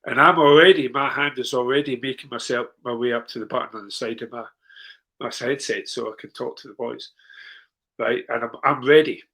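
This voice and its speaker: A middle-aged man speaking as a guest, telling long anecdotes in a loose, chatty flow. His voice sits at an ordinary pitch but leaps sharply upward when he gets excited, then settles back into calm, measured asides. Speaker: guest on a cue sports talk show. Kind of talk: conversational storytelling.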